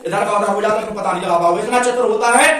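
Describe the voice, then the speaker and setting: A male schoolteacher giving a moral lesson to pupils, asking questions and repeating key words for them to answer back, and saying English phrases slowly. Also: high-pitched, a crowd in the background. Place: classroom, indoors. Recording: very echoey classroom from far off.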